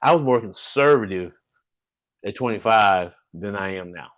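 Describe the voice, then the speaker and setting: Speaking in a fairly low, expressive voice at normal speed, a fifty-something Alabama man with a Southern accent hosts a podcast by video call. He's earnest, rambles a little and keeps restarting sentences, and the sound is lo-fi.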